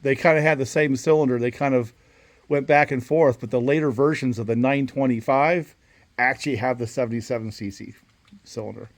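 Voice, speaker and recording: A man with a mid-pitched voice talks off the cuff. He banters casually with a fellow hobbyist, in the plain conversational style of a co-host. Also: fairly even intonation, fairly quick.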